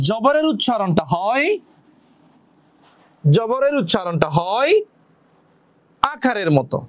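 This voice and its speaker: High-voiced male Quran reading teacher. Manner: explains step by step, asks and answers his own questions; draws out recited Arabic words slowly. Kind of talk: patient classroom lesson.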